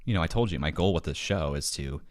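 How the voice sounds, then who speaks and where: A man's voice: extremely low pitch, lively intonation, fast, a little mellow, no room sound, clean studio sound. A man from the American Midwest, a podcast guest, chatting casually and animatedly, acting out little quoted dialogues. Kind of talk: casual interview chat. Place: home basement studio.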